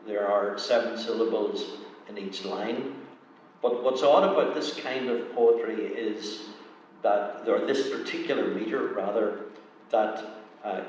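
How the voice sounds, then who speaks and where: A man giving a measured, explanatory lecture presentation on poetry, pausing often with "uh". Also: fairly low pitch. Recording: echoey hall, mic at a distance.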